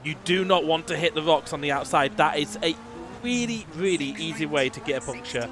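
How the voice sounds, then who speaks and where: A man's voice: a little high, fairly quick, background noise. A man giving chatty live commentary on a sim racing rally, joking with his co-host. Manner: chatty, joking, reads stage details.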